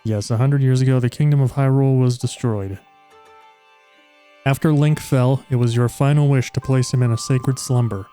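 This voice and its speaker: A man's voice: mid-range voice, steady tone, moderate pace, warm tone, soft background music, close to an everyday voice. A man reading the lines of a solemn, formal old woman sage from a video game in his own voice. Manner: reads game dialogue aloud in his own voice.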